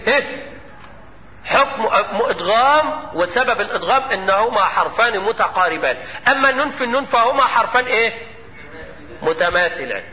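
A high-pitched man with an Egyptian accent teaches Quran recitation, firing quick questions at his students and slowing into melodic chant for each example verse. The recording is dull and lo-fi, with a long echo from a lecture hall. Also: slight background noise.

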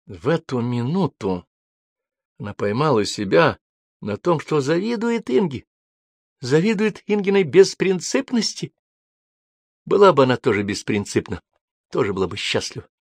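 A man reading a story aloud in an even, measured way. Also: mid-range voice, dry recording, studio quality. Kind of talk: scripted narration.

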